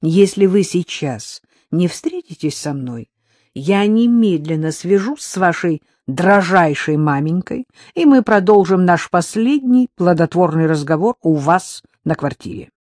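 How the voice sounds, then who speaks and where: A woman's voice: on the low side, wildly swooping pitch, measured pace, darkish tone, no room sound, studio quality, heavily acted. A reader putting on a sly, honey-tongued woman blackmailer. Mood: threatening. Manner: sugary and mocking, then barking orders. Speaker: character in an audiobook. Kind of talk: audiobook character reading.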